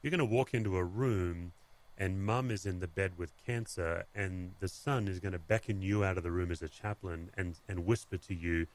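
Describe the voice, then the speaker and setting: An Australian man with a lowish voice co-hosts a podcast conversation. He talks candidly and animatedly, restarting his sentences often as he thinks aloud. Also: normal speed. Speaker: pastor and podcast co-host.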